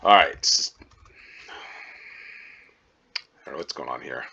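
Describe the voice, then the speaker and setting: At home, an American man rambles through casual gameplay commentary like a channel host talking to his viewers, thinking out loud and filling pauses with ums and uhs. His voice is low but bright and forceful, with a gravelly, slightly rough texture.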